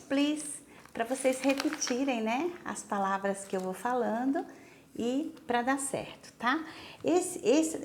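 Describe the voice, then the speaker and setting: Slow, patient Brazilian woman teacher. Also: fairly high pitch, slight background noise. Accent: Brazilian Portuguese. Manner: patient, repeats each word and prompts students to repeat. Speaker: English teacher. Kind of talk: slow English lesson for senior students.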